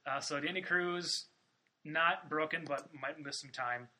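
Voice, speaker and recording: Man, podcast host, casual sports chat, very bright tone, filler-heavy, profane. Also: on the high side, unhurried, poor audio.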